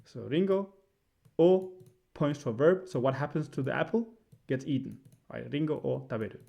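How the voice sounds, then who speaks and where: A man giving a casual spoken lesson, hesitant and filling pauses with "uh" and "right?". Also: medium pitch, gravelly, warm tone, muffled recording. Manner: hesitant, many fillers, frequent "right?". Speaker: language teacher.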